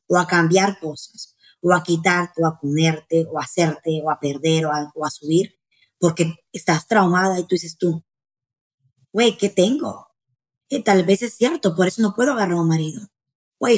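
A woman's voice: on the low side, a little fast, poor audio. Frank woman in her thirties. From Houston, USA. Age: 30s. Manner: frank, swears freely, switches into English. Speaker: guest. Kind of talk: candid casual conversation.

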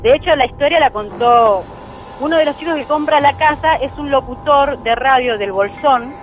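High-voiced woman with an Argentine accent. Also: moderate pace, soft background music, low-quality recording. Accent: Argentine Spanish. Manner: earnest, emphatic, repeats key phrases. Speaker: guest. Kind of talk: telling a true ghost story.

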